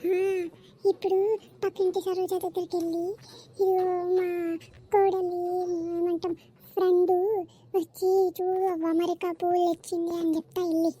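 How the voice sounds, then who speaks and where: A woman's voice: extremely high pitch, flat delivery, moderate pace, dark tone. Woman doing a nagging old mother-in-law. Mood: boastful. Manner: scolding, complaining, nagging. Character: grumpy suspicious old mother-in-law, loud and bossy.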